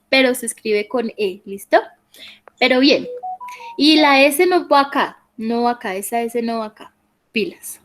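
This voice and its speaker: A woman teacher with a fairly high voice takes an online class through student sentences one by one. She talks slowly and patiently, explaining each correction and pausing to check that everyone follows. The sound comes through a computer mic on a video call. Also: low-quality recording. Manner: patient, explanatory, repeats "¿listo?" to check understanding. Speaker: English teacher.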